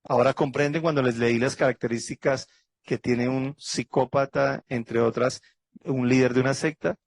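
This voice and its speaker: A man's voice: mid-range voice, steady tone, moderate pace, no room sound. A man pastor teaching a Bible study lecture, going methodically through dates and facts and closing with an earnest prayer. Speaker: pastor teaching a theology class.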